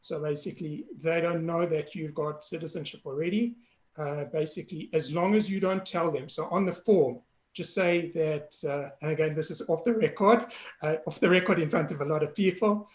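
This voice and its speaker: A hoarse man explains the rules frankly and casually. His voice sits a little high. It echoes around the room on a video call. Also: normal speed. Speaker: panelist on citizenship law.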